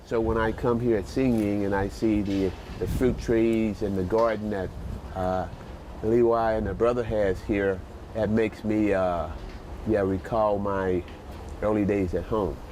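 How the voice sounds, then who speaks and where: An older man reflecting in an outdoor documentary interview. His speech is halting and full of restarts, with music softly underneath. He sounds like a retired volunteer teacher. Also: lowish voice, fairly even intonation, a little hiss or hum. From United States.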